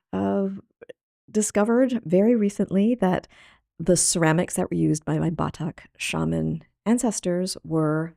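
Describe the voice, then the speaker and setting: Middle-aged woman from Thailand, artist guest: low, gravelly, reflective, halting delivery. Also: dark tone, no room sound, studio quality. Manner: thoughtful, halting, laughs easily. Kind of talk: reflective interview talk.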